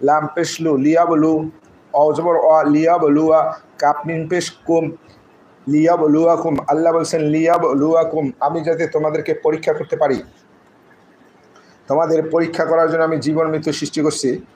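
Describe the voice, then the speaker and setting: A man teaching Quran recitation, spelling the Arabic syllable by syllable in a slow, drawn-out way and reciting short verse phrases. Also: fairly high pitch, level tone, a little mellow, a little hiss or hum, rough recording. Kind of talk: spelling out and reciting Arabic letter by letter in a live class.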